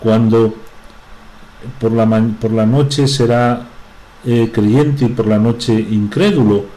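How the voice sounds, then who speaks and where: Slow, halting man giving a religious talk. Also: lowish voice, steady tone, dark tone, rough recording. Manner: halting, with many restarts and fillers. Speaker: religious speaker.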